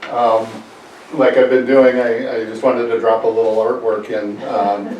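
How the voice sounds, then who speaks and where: Mężczyzna prowadzący zajęcia w kościele, daleko od mikrofonu. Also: male voice, mid-range voice. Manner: relaxed, halting, many fillers. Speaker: adult education class leader. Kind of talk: casual church class teaching. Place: church classroom. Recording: roomy, from far off, faint noise.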